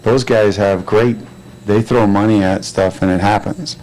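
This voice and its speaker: A man, an actor and producer, talking in a relaxed, rambling way with lots of fillers at a crowded premiere. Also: lowish voice, unhurried, poor audio. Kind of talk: premiere interview.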